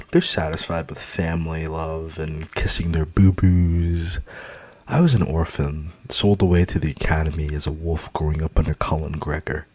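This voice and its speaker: A man narrates a novel in the first person, wry and cynical in tone. His voice is very low and husky. The recording is dry and close to the mic. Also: a little mellow, no room sound. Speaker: audiobook narrator.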